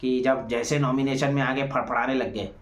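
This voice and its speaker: A man's voice: medium pitch, steady tone, normal speed. Male show reviewer, heated and mocking, talks to viewers, echoey room. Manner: heated, mocking, addresses viewers as guys and friends. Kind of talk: opinionated show review commentary.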